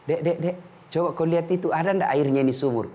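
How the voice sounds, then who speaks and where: A man's voice: on the high side, fast, darkish tone, close to an everyday voice. A man doing a sly husband fed up with nagging.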